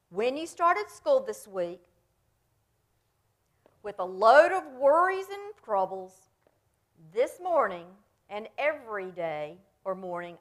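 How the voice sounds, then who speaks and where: A woman leading a children's sermon, talking gently and plainly to the kids in front of her and coaxing them along. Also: medium pitch. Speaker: pastor leading a children's message.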